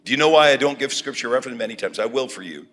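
A male preacher delivering a sermon through an interpreter, speaking in short phrases that swing from loud to hushed. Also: mid-range voice, expressive, fast, soft background music. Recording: long hall reverb with faint ambience.

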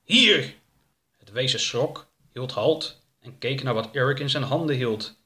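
A man narrating a storybook in a calm, steady way. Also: mid-range voice, normal speed.

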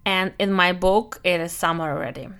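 She is a family travel planner in her thirties who hosts a conversational, scripted travel podcast on her own. Having moved from Europe to the US when young, she speaks with a Russian accent mixed with Brooklyn. Her voice is clean, creaky, and a bit bright, on the low side, at a normal speed.

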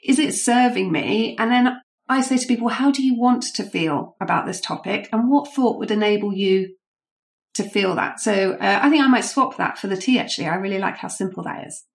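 A woman's voice: mid-range voice, fairly quick, vocal fry. Woman coaching, explanatory and anecdotal. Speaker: guest, leadership coach. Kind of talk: podcast interview answers.

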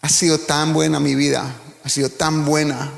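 Pastor guy preaching a sermon, earnest and fervent, kinda high voice, long reverb. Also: level tone, normal speed, creaky. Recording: echoey hall with long reverb.

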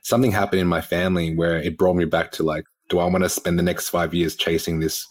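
Excitable male host, 30s, deep-ish voice, casual slangy delivery. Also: fast. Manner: excitable, slangy, lots of "bro" and "like". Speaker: podcast host. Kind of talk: casual chat.

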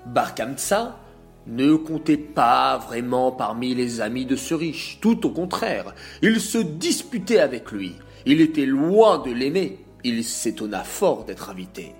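A man narrating a religious story in a measured, expressive reading voice. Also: mid-range voice. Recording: faint music behind.

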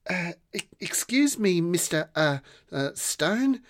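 Narrator as a high-voiced, flustered girl who stammers, then gets indignant. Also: sing-song, takes it slowly, dry recording, clean studio sound. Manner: stammering, high-pitched, shrill.

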